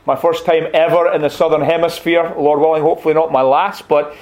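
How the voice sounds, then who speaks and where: A middle-aged Scottish man preaches from the pulpit, with a voice pitched a little above most men's. He talks in an easy, conversational, gently humorous way, then turns to reading scripture aloud in the same church setting. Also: fairly even intonation, a little fast. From Scotland. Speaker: visiting pastor. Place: church sanctuary.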